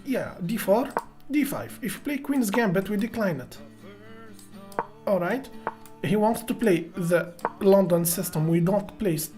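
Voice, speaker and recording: A woman's voice: medium pitch, a little mellow. A woman streaming chess, greeting viewers by name and thinking aloud about her moves with hesitant restarts. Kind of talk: live-streamed chess commentary.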